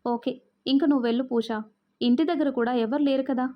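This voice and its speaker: A stern young man, curt and commanding, as a woman storyteller reads him. The voice stays fairly high and comes through muffled, lo-fi audio. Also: steady tone, fairly quick, natural voice.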